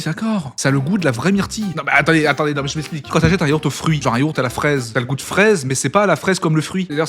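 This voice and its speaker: Young man, rapid speech, slightly high voice, jokey food-tasting vlog, faint music underneath. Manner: excitable and jokey, with sudden loud outbursts. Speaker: YouTuber tasting foods.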